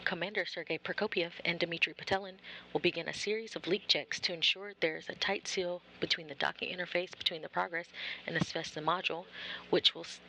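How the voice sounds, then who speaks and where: A mission control commentator giving measured, formal live coverage of a spacecraft operation. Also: mid-range voice, steady tone, creaky, sharp tone, low-quality recording. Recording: faint background noise.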